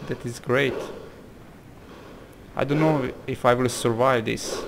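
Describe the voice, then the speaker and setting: Slow and steady in tone, this medium-pitched Croatian man shows vocal fry as he provides gameplay commentary, reading on-screen text aloud. His casual let's-play talk is hesitant yet full of exclamations, and background noise sits behind him.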